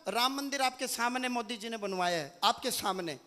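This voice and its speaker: Haryanvi preacher, man, very high and bright voice, fervent declamatory delivery, long hall reverb. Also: normal speed. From India. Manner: fervent, declamatory, rising to loud peaks. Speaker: religious leader. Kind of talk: impassioned religious speech. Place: hall at a gathering.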